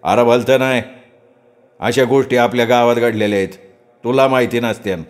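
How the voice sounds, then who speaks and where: A man voicing a flashy, scheming young village rich man who speaks in a slow, coarse, coaxing drawl. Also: mid-range voice, steady tone, close to an everyday voice.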